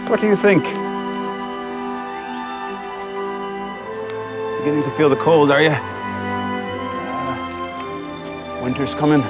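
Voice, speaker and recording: An actor playing a gentle travelling showman, kindly and devoted to his performing animals, in a film drama. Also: mid-range voice, lightly acted. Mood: gentle, fond. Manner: kindly, chatting to animals as companions.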